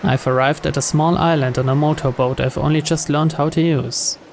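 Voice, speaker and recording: A man with a fairly high, steady voice reads a visual novel aloud at normal speed, giving it dramatic first-person narration. He is a video game player voicing the story, recorded clearly with background noise.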